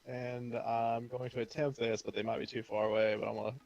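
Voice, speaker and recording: A man playing a tabletop game, thinking out loud in a hesitant way with fillers. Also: mid-range voice, little pitch movement, fairly quick, vocal fry, lo-fi sound, slight background noise. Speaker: player. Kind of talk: casual tabletop game chat.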